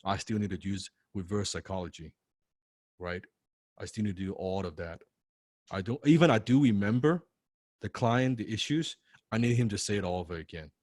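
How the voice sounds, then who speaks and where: A man teaching a sales training class, lively and full of rhetorical questions, acting out what prospects say. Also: on the low side, moderate pace, long pauses, dry recording, clean studio sound. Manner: animated, acts out prospect replies, rhetorical questions. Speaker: sales coach.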